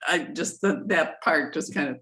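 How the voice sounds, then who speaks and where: A woman's voice: low-pitched, normal speed, a bit bright, low-quality recording. A woman taking part in an online class, chatting casually in an amused way. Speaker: class participant. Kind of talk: casual chat.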